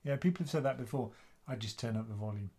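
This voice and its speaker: Hosting a live Q&A for his investing channel, a soft-spoken man from the United Kingdom in his fifties fields viewer questions via his desk webcam. His medium-pitched voice is chatty, fast and slightly breathy, captured in a small home room.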